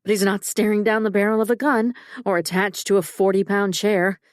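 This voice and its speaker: A woman's voice: mid-range voice, steady tone, brisk, dry recording, studio quality. A woman narrating a first-person thriller audiobook in a tense, urgent and emotional way.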